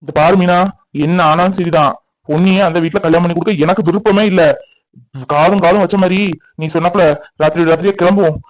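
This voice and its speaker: Man voicing a cartoon father, anxious, hot-tempered, high voice. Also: fairly even intonation, lightly acted, poor audio. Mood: angry. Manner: anxious, agitated, fast.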